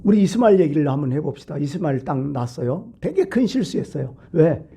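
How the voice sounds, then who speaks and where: A man's voice: on the high side, very animated, fast talker, creaky, warm tone, slightly rough. A male pastor giving a midweek sermon in a church, talking to the congregation in a conversational way and asking them rhetorical questions. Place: church sanctuary.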